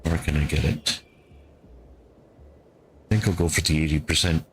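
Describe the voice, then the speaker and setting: Deep-voiced man calmly narrating gameplay. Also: moderate pace, slight background noise. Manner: calm, thinking aloud to his units. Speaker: gameplay streamer. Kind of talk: gameplay commentary.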